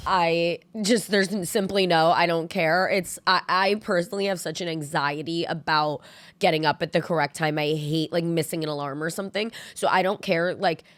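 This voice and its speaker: Young woman co-host, sick and stuffy, heavy vocal fry, lower voice, rambling, dry close mic. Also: fairly even intonation, moderate pace, a bit bright, no echo. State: sick with a cold, congested. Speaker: podcast co-host. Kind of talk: casual chat.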